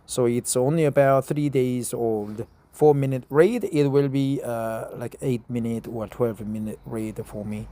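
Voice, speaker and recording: Reading an English article aloud for practice, a middle-aged South Korean non-native speaker shows a Korean accent and hesitates with frequent fillers and self-corrections. His dark, medium-pitched voice is a little slow but has hardly any pauses, recorded with no room sound.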